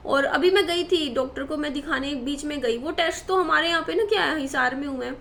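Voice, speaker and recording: A woman in her thirties vlogs to her viewers in a high, fairly quick voice with vocal fry and a slightly bright tone. She rambles anxiously, full of fillers and restarts, talking personally to the camera. A faint hiss or hum sits under the audio.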